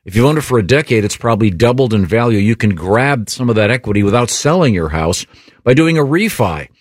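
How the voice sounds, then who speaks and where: A man's voice: mid-range voice, a little fast, no room sound. Dry-sounding male radio host. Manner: relaxed, stammering with fillers. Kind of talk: casual radio chat and host-read ad.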